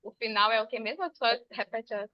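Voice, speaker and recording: A woman's voice: fairly high pitch, steady tone, fairly quick. A woman student in an online class, hesitant and unsure as she tries to read aloud. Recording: dull lo-fi call audio.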